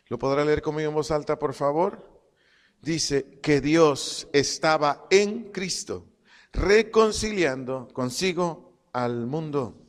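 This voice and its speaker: A man preaching a sermon to his congregation, slow and emphatic, repeating his phrases and dictating punctuation as he teaches. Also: on the high side, in a large hall. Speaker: pastor. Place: church congregation hall.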